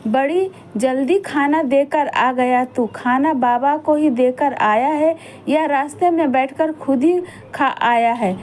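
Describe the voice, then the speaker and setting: A woman's voice: high voice, slow, few pauses, darkish tone, slight background noise. A woman voicing a harsh, cruel village stepmother who scolds and sneers at her stepchildren. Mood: scolding.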